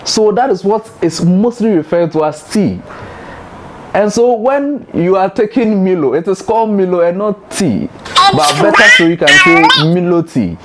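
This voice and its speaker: Ghanaian man, host, playful, laughing, high mock voices, fairly high voice, lively pitch. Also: normal speed, background noise. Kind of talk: light educational talk.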